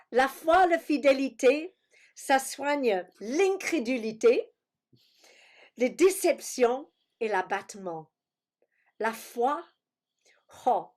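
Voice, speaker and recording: Woman preacher on a video call, talks slow, bit of a high voice, gropes for words, says alleluia a lot. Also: a little mellow. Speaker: pastor. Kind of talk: sermon teaching over video call.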